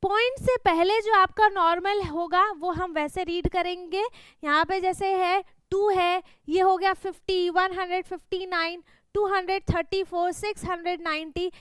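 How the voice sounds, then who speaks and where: A woman teaches children a maths worksheet step by step, patient and repetitive, often checking that they follow. Her voice sits very high. The sound is dry and close, with no room echo. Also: steady tone, normal speed, a bit bright. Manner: patient, repeats "thik hai?" and "hai na?" to check understanding.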